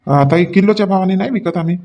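A man's voice: high-pitched, fast talker, warm tone. Chatty man selling school bags. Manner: chatty salesman patter, joking with customers. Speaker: shopkeeper in a comedy sketch. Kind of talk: comic sketch acting.

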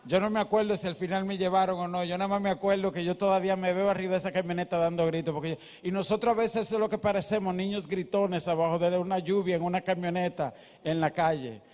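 High-voiced pastor preaching. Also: male voice, fairly even intonation, fast talker, hardly any pauses, a little mellow. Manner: emphatic, questions the congregation. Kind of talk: sermon. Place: church. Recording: echoey church hall.

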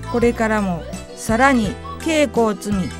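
Woman, high voice, slow scripted narration, formal and measured, faint music behind. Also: lively intonation. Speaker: narrator of a local event video.

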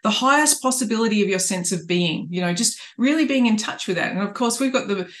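A middle-aged life coach speaks earnestly and spiritually to camera about living from the heart, often restarting her phrases in this reflective coaching talk. Her mid-range voice is animated and fast. She's recording on a webcam in a small room at home.

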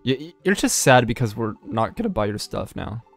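A man's voice: mid-range voice, fairly quick, vocal fry, faint music behind. A young man hosting a let's play, chatting casually and jokily over the game and reading its lines aloud. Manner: animated, jokey, reads game lines aloud. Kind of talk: casual gameplay commentary.

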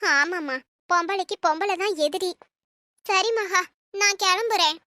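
Woman doing a brisk gossiping neighbor aunt. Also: extremely high pitch, bright, forceful tone, no room sound, clean studio sound, full character voice. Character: older village woman, busy gossiping neighbor.

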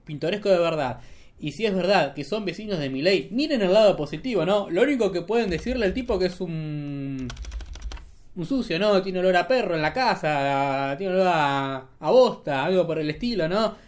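A man's voice: sits high, expressive, normal speed. An Argentine man hosting a political commentary vlog, talking in a mocking, sarcastic way. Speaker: host.

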